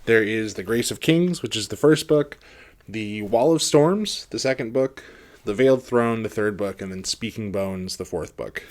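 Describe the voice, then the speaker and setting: A man's voice: fairly low pitch, normal speed. A man giving a casual, rambling book review, conversational and hedging, often trailing off at the ends of phrases.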